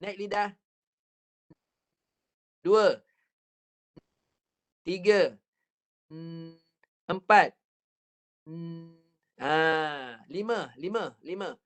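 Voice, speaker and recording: A man with a Malaysian Malay accent teaching an online Quran recitation class, drilling sounds patiently with counted repetitions and drawing out words slowly to demonstrate. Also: fairly high pitch, a bit bright. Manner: stretches words very slowly when showing the recitation. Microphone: computer mic on a video call.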